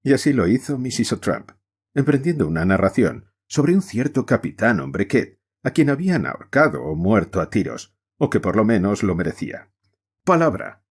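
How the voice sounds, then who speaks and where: A man narrating an audiobook in an expressive storytelling manner. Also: fairly low pitch, moderate pace, husky.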